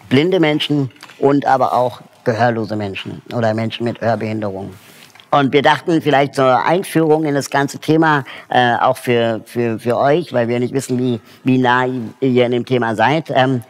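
A man's voice: mid-range voice, steady tone, moderate pace. A man explaining a project and lecturing students in a hall, talking thoughtfully with frequent hesitation fillers. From Germany. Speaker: social project founder giving a lecture.

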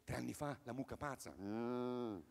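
Rambling Italian stand-up man, gravelly. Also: mid-range voice, normal speed, big-room sound, a little hiss or hum. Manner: rambling, jokey, swings between loud bursts and mutters. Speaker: stand-up comedian. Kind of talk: stand-up comedy routine at a live concert. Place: outdoor tennis courts at a live event.

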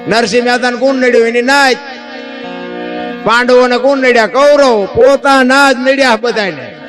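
A man's voice: extremely high pitch, normal speed, a bit bright. A man giving a devotional folk storytelling talk on stage, firing rhetorical questions and homespun anecdotes at his listeners. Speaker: dayro storyteller. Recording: devotional music playing behind the voice. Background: instrumental music.

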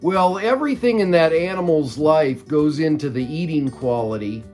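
An older man talks through a business interview from his home study. He is measured and explanatory, often pausing on "uh" as he lays out his points. The sound is a video call webcam, with faint music underneath. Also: on the high side, darkish tone. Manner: measured explanatory, frequent "uh" fillers. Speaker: company executive guest.

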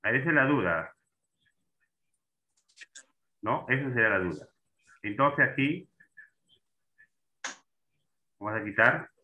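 Expressive and moderately paced, a mid-range male voice runs an online class covering Spanish accent marks. He keeps pausing to check in with his students and ask them things, all captured in tinny, phone-quality call audio.

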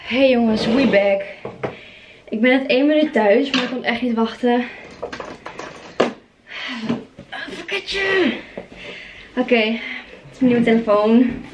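A young woman chatting casually in a vlog from her bedroom, gushing and excited, talking to a handheld camera. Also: fairly high pitch, a little slow, long pauses, noisy background. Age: young adult. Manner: excitable, gushing, exclaims often. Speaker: vlogger. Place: bedroom at home. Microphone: handheld camera at arm's length.

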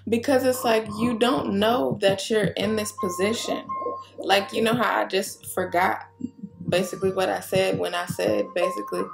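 A woman's voice: mid-range voice, huge pitch swings, normal speed. A woman giving a casual tarot reading straight to the viewer, rambling, laughing and swearing as she goes. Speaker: tarot reader. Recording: roomy echo with clear music behind.

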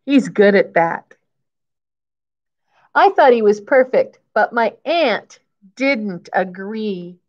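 A teacher-like woman in her fifties reads aloud from a picture book to young children indoors in a classroom, offering simple explanations and repeating key phrases. Her mid-range voice is expressive, slow, and full of frequent pauses, captured on a muffled recording.

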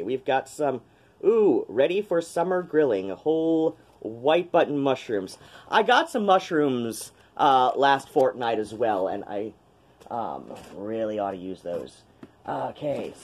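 Sitting in a small, cluttered room at home, a vlogger talks into his webcam during an unboxing, rambling with many ums and restarts. He is a native English speaker with a medium-pitched, slightly mellow voice.

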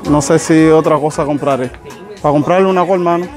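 A man's voice: on the high side, brisk, darkish tone, soft background music. A man in his thirties with a Cuban accent, casually narrating a vlog into a phone at arm's length. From Cuba. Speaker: vlogger. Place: outdoors in street and open market. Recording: busy street and market noise behind.

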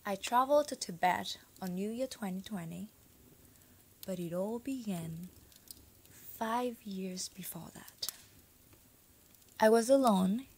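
A young woman from Vietnam telling a travel story to camera, soft and breathy, often dropping to a whisper. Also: medium pitch, a little hiss or hum, poor audio. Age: 20s. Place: small indoor room, decorated set.

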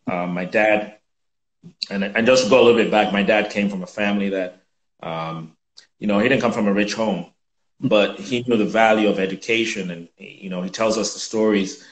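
A man in his fifties from Nigeria, a guest speaking in a measured, reflective way with many fillers over a video call from a room at home. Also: on the low side, fairly even intonation, reverberant, poor audio. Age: 50s. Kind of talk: conversational interview.

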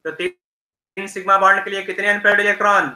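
A man teaching chemistry in an online class, explaining slowly and checking in with his students often. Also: high-pitched, monotone, pushed and bright, roomy sound, rough recording.

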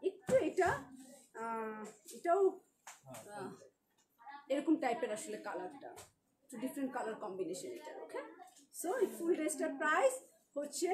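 High-voiced Bangladeshi woman selling clothes live. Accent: Bangladeshi Bengali. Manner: chatty and joking, greets viewers by name. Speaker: clothing shop owner selling on a live stream. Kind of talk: live-stream sales chat with viewers. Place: clothing shop.

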